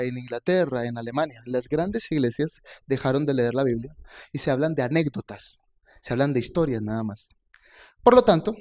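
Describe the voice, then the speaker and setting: A man's voice: mid-range voice, dark tone. A male pastor preaching a sermon in a conversational style, asking the congregation rhetorical questions and building up to emphatic points. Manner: rises to emphatic peaks on key points.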